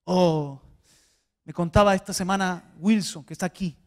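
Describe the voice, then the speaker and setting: A male pastor preaching a sermon to a congregation, swinging hushed tones to loud exhortation and often repeating small words. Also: high-pitched, steady tone, moderate pace. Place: church before a congregation.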